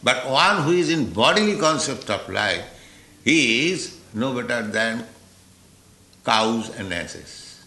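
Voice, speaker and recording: Male spiritual teacher, slow and deliberate, forceful gravelly voice, roomy echo. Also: medium pitch, big pitch swings. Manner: deliberate, with rhetorical "huh?" checks. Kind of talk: philosophical lecture.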